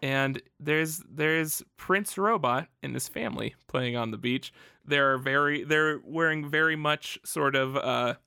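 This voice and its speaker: Bright, lively man chatting comics. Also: fairly high pitch, unhurried, gravelly, smooth, no room sound, clean studio sound. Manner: animated, profane, laughs often. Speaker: podcast co-host. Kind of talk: casual comic book discussion.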